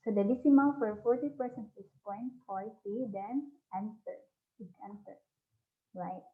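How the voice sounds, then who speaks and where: A woman giving a step-by-step software tutorial, dictating instructions in short, separate phrases like a teacher. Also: medium pitch, normal speed. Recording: thin phone-like sound.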